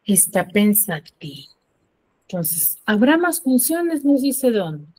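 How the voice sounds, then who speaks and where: A woman teacher giving an online class, explaining step by step and often checking with quick tag questions. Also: mid-range voice, very animated, darkish tone. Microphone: video call.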